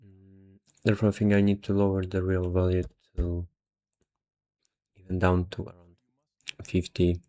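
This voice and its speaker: A somewhat tired-sounding man, an investor, casually thinks aloud about stock valuations, hesitant and half muttering to himself. His voice is low, dark and level, at normal speed with long pauses, and there is no room sound.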